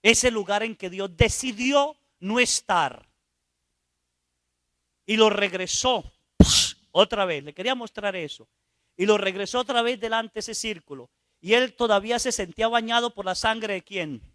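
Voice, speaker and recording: A priest with a high, bright voice preaches a sermon as a story, stopping now and then to ask the listeners questions. The sound is dry and close. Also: male voice, measured pace, dry recording. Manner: storytelling, asks the audience questions.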